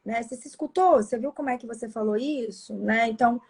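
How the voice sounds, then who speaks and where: Husky-voiced Brazilian woman psychologist. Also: fairly high pitch, fast talker, darkish tone. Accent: Brazilian Portuguese. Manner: hesitant, frequent restarts and "né?". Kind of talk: casual conversation.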